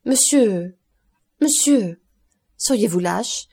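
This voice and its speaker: A woman reading the part of a cold, stern male magistrate who accuses with measured contempt in an audiobook. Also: mid-range voice, fairly even intonation, dark tone, natural voice. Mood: contemptuous.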